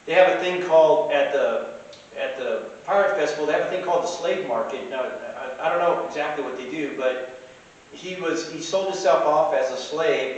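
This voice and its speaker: A middle-aged man, a tavern keeper, telling a casual rambling anecdote full of restarts and fillers, recorded inside the tavern. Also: medium pitch. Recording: very echoey, distant, faint hiss.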